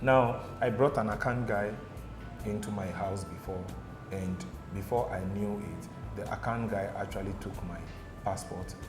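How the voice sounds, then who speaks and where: Slightly slow and lowish in pitch, this Ghanaian interview guest chats casually in a studio, spinning lively stories. He keeps asking "okay?" and "do you understand?" as he goes. Music plays behind him in an echoey room.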